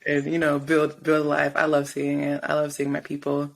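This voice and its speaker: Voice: medium pitch, completely flat delivery, moderate pace, gravelly, a little hiss or hum, rough recording. A podcast host chatting casually and encouraging the guest. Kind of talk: casual chat.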